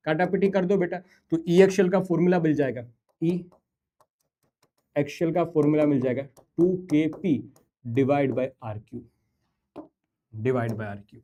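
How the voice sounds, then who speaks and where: High-voiced man teaching physics, coaxing. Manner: coaxing, singsong, addresses students as beta. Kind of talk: whiteboard lecture.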